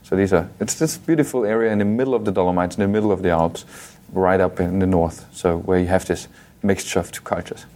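Guest winemaker, man, South Tyrolean German accent, very low voice, halting delivery full of restarts. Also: fairly even intonation, darkish tone. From South Tyrol, Italy. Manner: halting, with many fillers and restarts. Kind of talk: casual interview talk.

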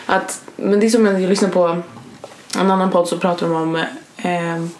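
A woman's voice: lowish voice, fairly even intonation. A young woman in casual podcast chat, emphatic and earnest, swearing for emphasis. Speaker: podcast host. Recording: echoey room with faint noise.

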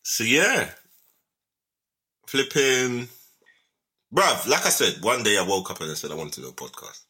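A man's voice: fairly low pitch, very animated, unhurried, bright, forceful tone, slightly rough. A young man with a London roadman accent hosting a podcast, chatting casually in heavy street slang. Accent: London roadman, multicultural street English. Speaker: podcast host.

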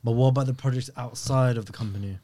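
A man speaking casually as an interviewer in a relaxed chat. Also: medium pitch, fast talker.

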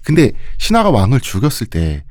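A man's voice: mid-range voice, wildly swooping pitch, fairly quick, darkish tone, no echo, clean studio sound. A man with slushy, lisping s sounds, telling history conversationally as a podcast host and explaining things with everyday examples.

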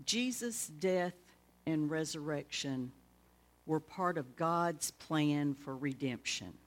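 A pastor preaching a sermon, retelling scripture in a deliberate storytelling manner. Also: mid-range voice. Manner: slow, deliberate storytelling with acted-out quotes.

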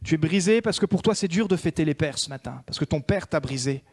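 A man's voice: fairly high pitch, lively intonation, brisk, breathy edge. Emphatic French-speaking male pastor preaching. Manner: preaching with rising emphatic peaks and hushed prayerful drops. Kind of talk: sermon.

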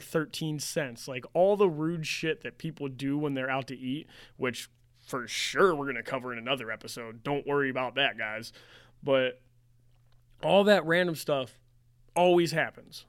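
A young man talking casually on a podcast, rambling through a story and leaning on "like" constantly. His voice sits a bit high and sounds smooth and clear. The recording is close and dry with no room sound. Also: no echo. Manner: rambling, heavy use of "like". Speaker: podcast host.

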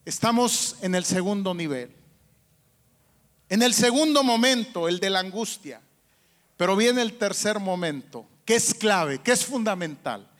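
A man's voice: sits high, expressive, measured pace, fairly bright tone. A man preaching a sermon as pastor, asking the congregation questions with strong emphasis. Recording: long hall reverb.

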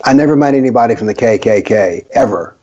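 A man's voice: fairly low pitch, animated, fast talker, mellow. An older man from the American South, a guest author on a radio talk show, telling stories with a wry, sarcastic edge. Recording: dull lo-fi audio.

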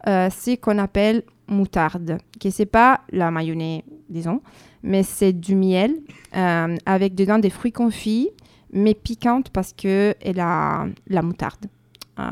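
Smooth-voiced Italian woman. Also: medium pitch, a little mellow, dry recording. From Italy. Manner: hesitant, searching for words. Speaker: guest.

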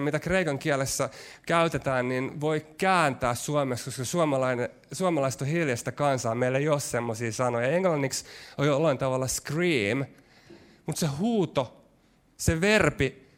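A man preaching a sermon, his delivery shifting between quick, pressing stretches and slow, hushed lines. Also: on the high side. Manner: varied delivery, rushing ahead then dropping to slow, hushed lines.

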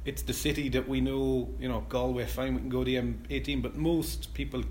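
A middle-aged man speaks with a west of Ireland accent at a medium pitch. He talks conversationally, like a manager answering questions in an interview, with some background noise around him. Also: fairly even intonation, fairly quick, a little mellow. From County Clare, west of Ireland. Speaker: company manager being interviewed.

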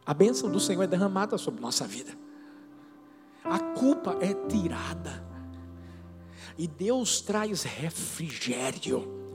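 A male pastor preaching a sermon, telling stories with feeling and swinging between soft and loud passages, recorded in a church hall with an instrument playing underneath. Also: sits high. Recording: long hall reverb with music behind. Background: musical instrument playing.

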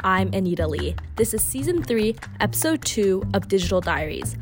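A young woman hosting and narrating a student news podcast in an even, measured way. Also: medium pitch, music in the background. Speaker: podcast host and reporter. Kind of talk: scripted narration.

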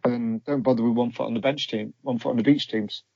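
A man's voice: mid-range voice, fairly even intonation, brisk, gravelly, dark tone, no echo. A man giving casual football advice as a podcast panellist on an internet call. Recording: muffled internet call audio.

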